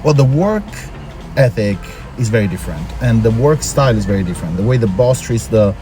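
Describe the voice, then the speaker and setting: An Italian man working in Japan chats casually as a guest in a street interview, in or by a car with music playing behind. His lowish, dark-toned voice is very animated and fairly quick, and he explains things at length, repeating points for emphasis.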